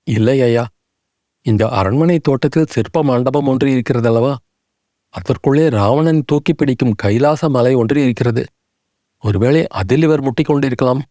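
A man voicing a timid, gentle young noblewoman who speaks softly and hesitantly. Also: medium pitch, moderate pace, dry recording, natural voice.

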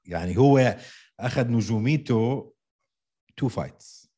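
Male sports debater, Palestinian-Jordanian Arabic accent, husky, very lively intonation, argumentative and insistent. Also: mid-range voice, takes it slowly. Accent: Palestinian or Jordanian Levantine Arabic. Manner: argumentative, repeats himself insistently.

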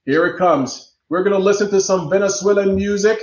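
This live stream host talks fairly quickly in a high voice, chatting cheerfully and reading out the guesses viewers post. He's in an echoey indoor room with dull audio and a little hiss or hum, occasionally speaking away from the microphone.

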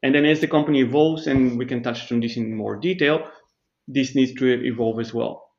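Measured man speaking over muffled audio. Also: medium pitch, darkish tone. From Bulgaria. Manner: measured, explanatory, with restarts and thinking pauses. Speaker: startup CEO, guest. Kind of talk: conversational interview answers.

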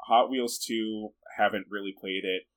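A man's voice: on the low side, steady tone, normal speed. A man co-hosting a podcast, chatting casually about video games and movies, swearing offhandedly and laughing often. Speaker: podcast co-host.

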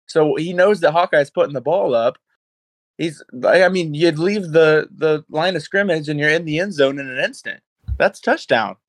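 A man's voice: on the high side, normal speed, dry recording. A man co-hosting a podcast in casual chat, playful and laughing often. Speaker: podcast co-host.

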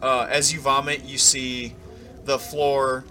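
A man narrating as game master, setting eerie scenes in a measured way with frequent fillers. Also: mid-range voice, flat delivery, sharp tone. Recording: music playing clearly behind. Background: background music.

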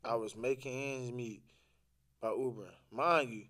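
This podcast guest is a man with a medium-pitched voice who speaks at a measured pace. He gives an animated, casual retelling of a personal story, full of slang and profanity, voicing quoted dialogue and repeating phrases to stress them.

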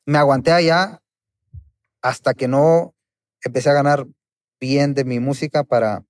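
A man's voice: medium pitch, fairly even intonation, measured pace, no room sound, clean studio sound. A man speaking casually in slangy street talk as an interview guest. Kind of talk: casual chat.

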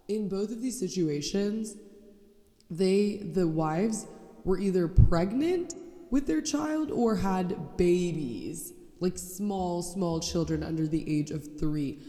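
In an echoey, roomy recording with a badly held mic, a young woman hosts her own podcast. Her fairly low, mellow voice is nasal from a cold as she launches into a blunt, sarcastic rant laced with swearing, casual and solo.

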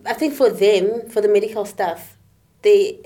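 A young woman co-hosting a podcast from South Africa, speaking in a measured, reflective way in short halting phrases. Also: medium pitch, warm tone. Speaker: podcast co-host. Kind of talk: candid conversation.

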